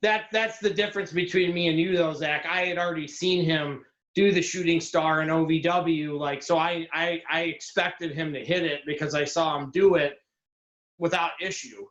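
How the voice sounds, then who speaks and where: Animated, opinionated male co-host, slightly high voice, roomy lo-fi recording. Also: normal speed. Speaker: podcast co-host. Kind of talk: casual chat. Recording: echoey, dull lo-fi sound.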